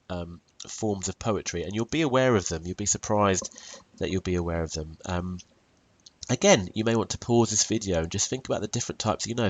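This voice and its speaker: A British man teaching poetry in a tutorial video, asking questions and telling students to pause and think. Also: deep voice. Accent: British English. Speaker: English teacher.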